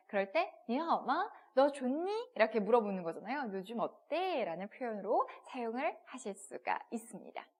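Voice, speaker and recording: Woman language teacher, higher voice, lively swooping pitch, patient step-by-step explaining, asks the class questions. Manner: models pronunciations in short repeated syllables. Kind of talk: textbook video lesson.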